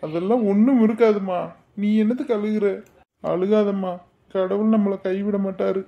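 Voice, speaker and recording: A woman's voice: mid-range voice, steady tone, moderate pace, highs cut off, lightly acted. A woman voicing a mild, dutiful young husband in a cartoon, soothing his mother in a Madurai Tamil accent. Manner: soothing, pleading. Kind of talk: cartoon voice acting.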